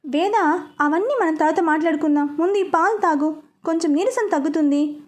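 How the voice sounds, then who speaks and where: A woman's voice: extremely high pitch, brisk, a little mellow. A woman reading a stubborn young husband. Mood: coaxing. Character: young man, stubborn but caring husband.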